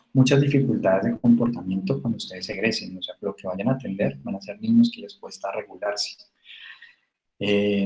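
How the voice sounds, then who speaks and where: A man's voice: fairly low pitch, a little mellow. A man giving a recorded class lecture, explaining patiently with frequent tag questions and fillers. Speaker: university lecturer. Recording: echoey room with faint noise.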